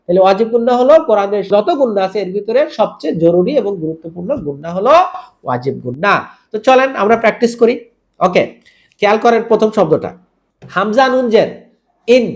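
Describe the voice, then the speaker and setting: A man teaching Quran recitation rules, spelling out each letter and vowel mark and then drawing the words out slowly in a chanted style, asking the listener to repeat. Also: high voice, lively intonation, darkish tone, highs cut off. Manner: asks the listener to repeat after him. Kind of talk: step-by-step tajweed lesson.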